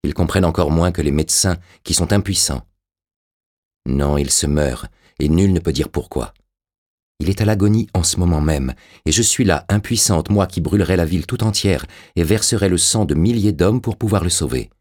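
A man's voice: sits low, moderate pace, a little mellow, no echo, studio quality. Yasmina, a man voicing a fierce desperate royal sister. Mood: anguished.

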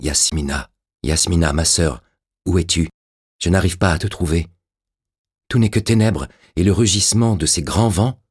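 A man's voice: deep voice, normal speed, slightly rough, dry recording, clean studio sound. A man voicing a dying young king who calls out faintly, sounding lost.

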